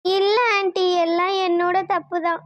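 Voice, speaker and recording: A woman's voice: extremely high pitch, little pitch movement, normal speed, no echo, muffled recording. A woman voicing a heartbroken young woman in a cartoon, talking in a tearful, pleading way.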